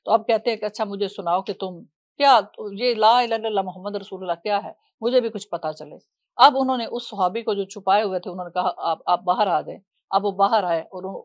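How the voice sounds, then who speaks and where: A woman's voice: mid-range voice, no echo. Woman telling a reverent religious story. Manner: reverent, with frequent hesitation fillers.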